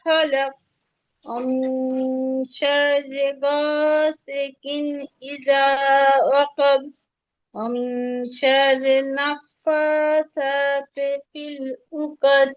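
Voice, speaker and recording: Slow, steady woman reciting on a dull line. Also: high-pitched. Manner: careful, halting recitation with corrections. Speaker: student.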